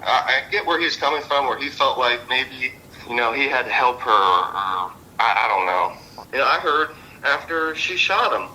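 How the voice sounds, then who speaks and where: A man with a very bright, sharp voice answers police questions. He rambles and swears, worked up and agitated, with faint noise around him. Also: medium pitch, animated, moderate pace, low-quality recording. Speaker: interviewee, friend of victim. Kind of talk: recorded police interview.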